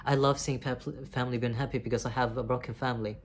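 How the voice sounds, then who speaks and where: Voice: mid-range voice, little pitch movement, quick pace, slight background noise. A person talking straight to camera in a candid confessional vlog, rambling and heartfelt, swearing freely and often restarting sentences. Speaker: vlogger.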